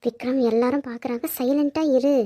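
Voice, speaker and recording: A gentle young wife. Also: female voice, very high voice, fast talker, dry recording, studio quality. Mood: pleading. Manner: pleading, calming. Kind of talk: cartoon voice acting. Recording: dull muffled audio.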